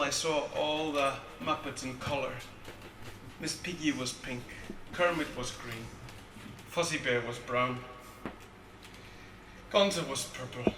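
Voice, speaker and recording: A man's voice: on the high side, far from the mic, background noise. A man, chatting playfully with the crowd between songs at a live gig. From Iceland. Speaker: singer-songwriter on stage. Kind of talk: between-song stage banter. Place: live music venue. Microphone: handheld recorder in the audience. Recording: roomy venue recorded from the audience. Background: instrument music.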